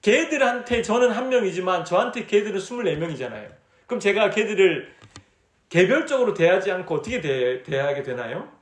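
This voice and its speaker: A man's voice: sits high, animated, brisk, reverberant. A man preaching at a church retreat in a conversational way, asking the audience questions and acting out his own dialogue as he tells stories. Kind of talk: sermon.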